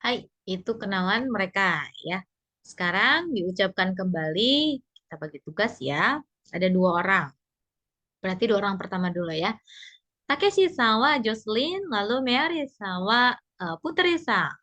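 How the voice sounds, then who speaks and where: A woman teaching a basic conversation class, explaining patiently in a chatty way, repeating points and pausing with fillers. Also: mid-range voice, big pitch swings, pushed and bright. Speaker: Japanese teacher.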